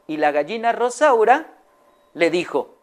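A woman telling a children's story aloud, drawing her listeners in with questions. Her voice rises and falls in wide, lively sweeps, with slow, dramatic pauses. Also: medium pitch. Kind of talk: children's story reading to an audience.

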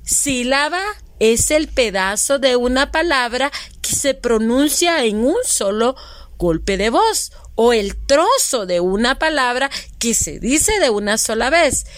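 A woman from Guatemala teaching a lesson to young children, speaking slowly, drawing out syllables, asking questions and praising the answers. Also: a little high, lively intonation, dry recording, studio quality.

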